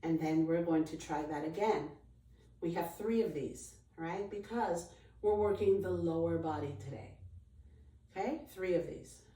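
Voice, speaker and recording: A woman with a mellow, somewhat low voice and a measured pace leads a chair workout as an aerobics instructor. She gives short encouraging commands, counts reps and cues form. The microphone is distant, giving a roomy echo.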